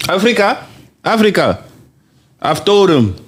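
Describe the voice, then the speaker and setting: Animated male podcast host, lively pitch. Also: unhurried, breathy edge. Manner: animated and emphatic, laughs often, repeats phrases for effect. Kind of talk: casual podcast chat, reading viewer comments.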